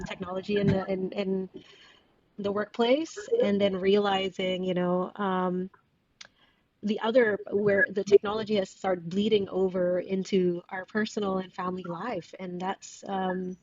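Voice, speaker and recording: A woman talks through her thoughts in a guest interview, pausing often and restarting as she finds the right words. Her voice comes through a video call with muffled, lo-fi sound. The room sounds close and dry, with no echo. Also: mid-range voice, darkish tone. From Indonesia. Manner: thoughtful, searching for words with many fillers and restarts. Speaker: guest author. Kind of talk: casual interview conversation.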